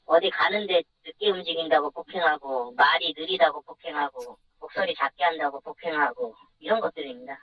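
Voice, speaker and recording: An anonymous interview guest whose voice is disguised with a deep pitch shift, giving a subdued, measured account. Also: lo-fi sound. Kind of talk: phone-in news interview.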